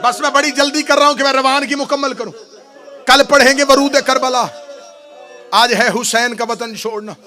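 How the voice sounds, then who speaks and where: Male preacher, high voice, impassioned mourning recitation. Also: steady tone, normal speed, soft background music, some chatter behind. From Pakistan. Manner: impassioned, swings between hushed telling and loud wailing.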